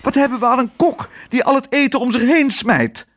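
A man reading a storybook aloud and voicing a bossy woman who owns a hotel, scornful and shrill. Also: fairly quick, a bit bright. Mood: agitated.

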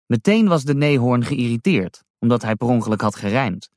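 A man reading a rhyming children's story aloud as a storyteller, slow and expressive. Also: mid-range voice, dry recording, studio quality.

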